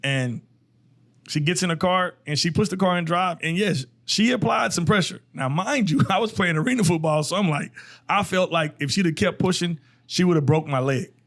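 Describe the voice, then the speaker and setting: A young man co-hosting a podcast, recounting his side in a calm, reflective way. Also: high voice, normal speed. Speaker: podcast co-host. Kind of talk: casual chat.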